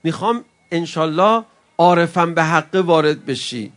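Soft music plays behind a high-voiced preacher giving an emotional sermon at a mourning gathering. He moves between impassioned shouting and hushed, close words, treating the audience warmly and familiarly as his friends.

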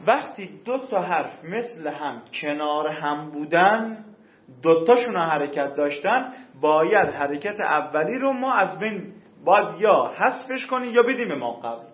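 Male teacher, fairly high voice, patient and repetitive, in an echoey room. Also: animated, phone-quality sound. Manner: slow, repetitive explaining with questions to students. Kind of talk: classroom grammar lesson.

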